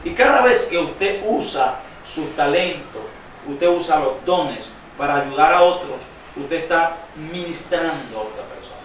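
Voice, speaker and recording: A man's voice: on the high side, animated, fairly bright tone. Guy preaching, asks the crowd questions back and forth, big echo, mic far off, faint hum behind. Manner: quizzes the congregation with call-and-response questions; reads scripture aloud slowly and emphatically. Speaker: pastor. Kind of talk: sermon. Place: church sanctuary. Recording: very echoey church hall, distant mic.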